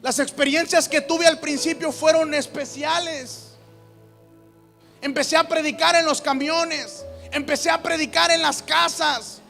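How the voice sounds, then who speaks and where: A man's voice: very high-pitched, steady tone, unhurried, creaky, bright, forceful tone, big-room sound, soft background music. A man preaching his personal testimony, fervent and often calling listeners brother. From Mexico. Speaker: evangelist giving testimony.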